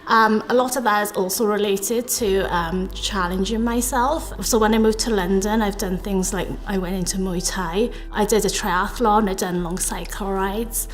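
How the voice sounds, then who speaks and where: A woman's voice: mid-range voice, steady tone, normal speed, few pauses. A woman in her thirties from South Wales, talking earnestly about her career in an interview, often hedging with fillers and correcting herself mid-sentence. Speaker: interviewee, data professional. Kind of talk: reflective interview talk.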